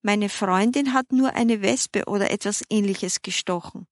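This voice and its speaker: A woman's voice: medium pitch, measured pace, no echo, clean studio sound, lightly acted. A woman voicing a friendly, teasing young girl.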